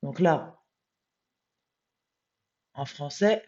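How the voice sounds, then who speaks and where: A tired woman with a mellow, low voice mutters to herself as she works, acting as a medium transcribing a channeled text in a live screen recording. She thinks aloud and reads passages slowly and emphatically, in lo-fi home audio.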